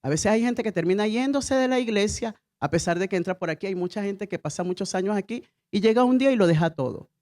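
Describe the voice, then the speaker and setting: A woman's voice: mid-range voice, lively intonation, fast, hardly any pauses, a little mellow. A middle-aged woman pastor preaching a sermon with emphatic repeated refrains and call-and-response to the congregation.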